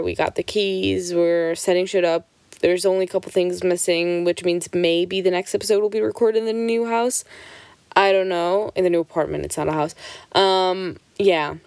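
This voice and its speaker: A woman's voice: lowish voice, darkish tone, clear, resonant tone, no room sound. A young woman from Switzerland hosting her own podcast, chatting casually, rambling, swearing freely and often restarting her sentences. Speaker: podcast host. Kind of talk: casual solo podcast chat.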